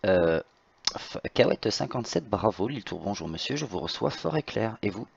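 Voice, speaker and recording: A man with a lowish, creaky voice works as an air traffic controller, giving halting procedural instructions. The audio is slightly dull, like lo-fi voice chat. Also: very animated. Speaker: tower air traffic controller in online flight simulation. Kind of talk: procedural radio instructions with informal asides.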